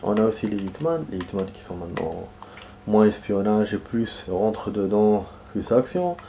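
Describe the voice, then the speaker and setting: A man with a fairly low, warm voice hosts a gaming video, animated and at normal speed. He has a cold that makes him sound nasal, and he rambles casually while playing, full of fillers and restarts. A little hiss or hum is audible.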